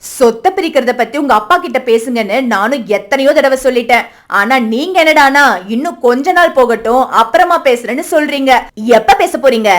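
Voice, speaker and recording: In cartoon voice acting, a woman plays the elder daughter-in-law, a greedy, scheming young wife who nags and scolds sarcastically. Her voice sits high, animated and brisk.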